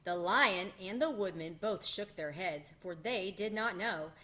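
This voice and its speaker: A woman with a bright, forward voice reads a children's chapter book aloud. Her register is medium and her storytelling expressive. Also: medium pitch, a little slow. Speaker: read-aloud host.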